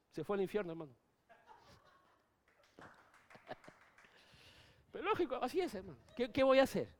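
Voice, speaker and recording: A middle-aged male pastor preaching a sermon, moving between soft asides and loud, emphatic peaks. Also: sits high.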